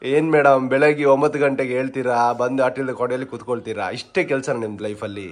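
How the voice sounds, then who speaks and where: A young man, teasing his family with rapid questions in a playful vlog chat. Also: mid-range voice, fairly even intonation. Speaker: vlogger interviewing family members.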